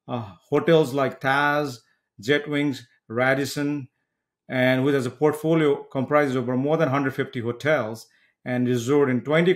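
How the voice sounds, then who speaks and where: A man from Nepal, hosting an interview podcast and talking earnestly with frequent fillers. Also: mid-range voice. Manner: earnest, halting with many fillers. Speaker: podcast host.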